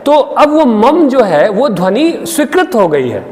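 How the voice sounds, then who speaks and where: Lively high-pitched teacher. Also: male voice, unhurried, big-room sound. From Bihar, India. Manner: explains with frequent checks and tag questions. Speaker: Hindi literature teacher. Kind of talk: online exam-prep lecture.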